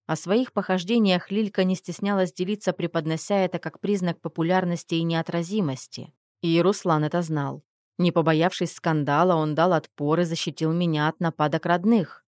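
A woman's voice: deep voice, darkish tone, dry recording, studio quality. A woman narrating a first-person audiobook, voicing the characters in the dialogue.

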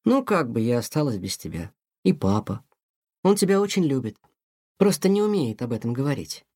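A man voicing a wise, gentle mother cat who speaks softly and soothingly. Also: medium pitch, very animated, normal speed, no room sound, clean studio sound. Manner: soft, soothing and tender. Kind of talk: audiobook character voice.

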